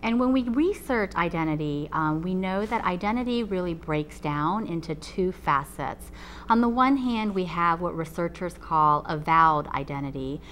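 Seated before a painted backdrop in a TV studio, a female professor and native Chinese speaker addresses a webinar audience in a recording. Her voice is low-pitched and a little bright, and her explanations are measured and often broken by "um." A faint hum sits under the audio.

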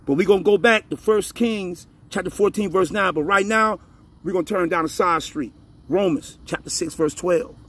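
A man teaching the Bible in a casual, profane way, repeating phrases, reading verses slowly and emphatically, and often asking if you're with him. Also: sits high, fairly bright tone, breathy edge. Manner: reads scripture slowly and emphatically.

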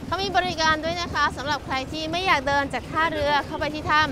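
A woman's voice: high voice, fast, heavy background noise. Seasick woman vlogging from a boat. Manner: chatty, animated, addresses viewers directly. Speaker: travel vlogger. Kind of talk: casual travel vlog to camera. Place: outdoors on a boat and on a busy pier. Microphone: action camera held at arm's length. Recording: loud crowd and music behind.

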